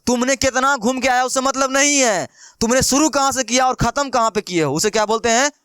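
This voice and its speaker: A young man with a high voice explains math like a casual classroom lesson, tossing out questions and answering them himself in a chatty, playful way. His voice is smooth and clear. The sound is dry and close, with almost no room echo. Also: brisk, a bit bright. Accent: Bihari Hindi. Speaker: math teacher.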